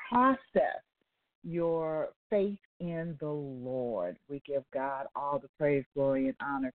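Older woman hosting faith talk by phone. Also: deep voice. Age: 60s. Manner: effusive, repeats phrases for emphasis. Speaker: talk show host and church elder. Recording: tinny phone line.

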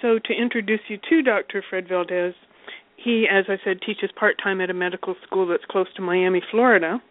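A woman's voice: medium pitch, steady tone, a little fast, dry recording. A woman hosting a call-in radio show, steadily reading through her introduction of the guest. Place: Alberta. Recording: dry tinny phone line.

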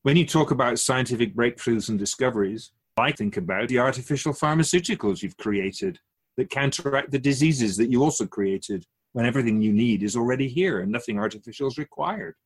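This otherworldly soul-keeper, voiced by a man for radio drama, teaches humanity with patience in a measured, formal way. The tone is slightly husky at middle pitch, lightly acted, calmly explaining and posing rhetorical questions as it instructs.

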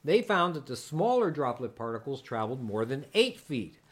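A man hosting a podcast, answering a listener's question in a relaxed, explanatory way with fillers and small jokes. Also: medium pitch, normal speed. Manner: explanatory, joking, with frequent fillers. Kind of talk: casual podcast chat and explanation.

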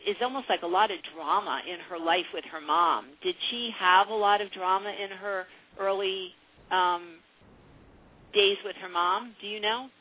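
On her call-in psychic advice radio show, a woman speaks at normal speed in a mid-range, breathy voice. The sound is narrow like a phone line, and her manner is chatty and reflective, with phrases repeated.

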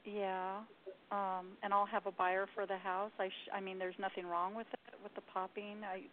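A woman's voice: mid-range voice, little pitch movement, moderate pace. A woman calling in to a radio show over the phone, hesitant and trailing off mid-sentence. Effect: caller heard over a phone line. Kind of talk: call-in reading. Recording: tinny phone line with faint hiss.

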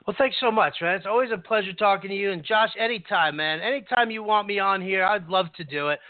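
A male guest analyst with a clearly high voice chats casually. He comes through a dry, tinny phone line with little room sound. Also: fast, dry recording. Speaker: guest fantasy football analyst. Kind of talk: casual chat.

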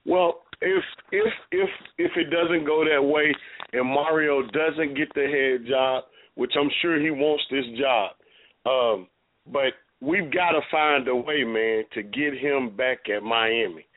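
A man's voice: medium pitch, takes it slowly. A man calling in to a sports radio show over the phone, talking casually and insistently, repeating his point. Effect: heard over the phone. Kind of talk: casual call-in chat. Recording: tinny phone line.

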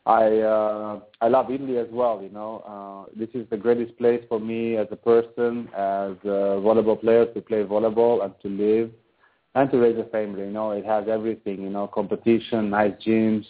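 A man's voice: fairly low pitch, level tone, normal speed. Rambling man on a tinny phone line. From Albania. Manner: rambling, says "you know" constantly. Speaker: professional volleyball player, guest. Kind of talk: casual phone interview. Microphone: phone call.

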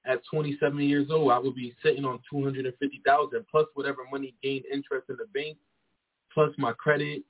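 A man in his twenties, appearing as a guest, chats casually and at length, rambling and often asking "you feel me." His mid-range voice is brisk with a level tone, and the sound is tinny, like a phone.

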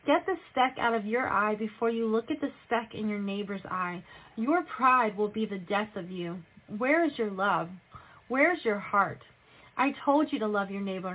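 A woman delivering religious prophecy and scripture in a solemn, admonishing manner. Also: on the high side. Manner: solemn, admonishing, rhetorical questions. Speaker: self-styled prophetess delivering a message as God. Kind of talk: prophetic proclamation and scripture reading. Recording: tinny, phone-like narrow-band audio.

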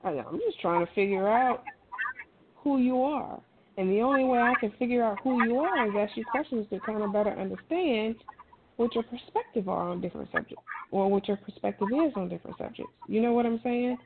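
The voice is a middle-aged woman's, on the high side and a little fast. She talks casually, giving advice in an emphatic, encouraging, colloquial way, and the sound is thin and phone-like with clear noise.

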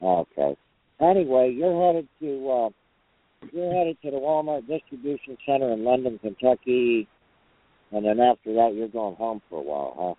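A man with a medium-pitched, expressive voice hosts a casual call-in show for truckers from his parked truck cab, talking at a moderate pace in a folksy, rambling, hesitant way. The recording has no echo and comes through a narrow, tinny phone or radio line.

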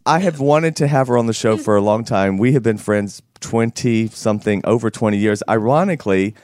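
A man with a slightly hoarse, froggy voice hosting a talk show with playful, teasing banter. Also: on the low side, fairly quick, darkish tone, no echo, clean studio sound.

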